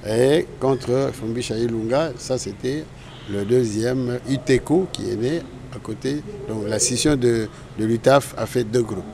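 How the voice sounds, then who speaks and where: An older man from Congo talks as a guest in a casual interview, with a gravelly, fry-tinged voice. He rambles through his memories and often stops to correct himself. Faint background noise sits under his voice. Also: medium pitch, unhurried. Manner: rambling, self-correcting storyteller.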